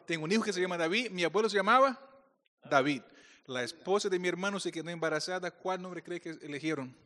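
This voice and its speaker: Fast-talking and high-pitched, his voice pushed and bright, a middle-aged Brazilian pastor whose first language is Portuguese plays around with the audience during a church conference talk. A long hall reverb trails his speech.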